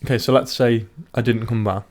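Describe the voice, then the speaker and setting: A man's voice: mid-range voice, steady tone, brisk, darkish tone. A man co-hosting a casual podcast chat, wry and persistent with his odd questions. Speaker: podcast co-host.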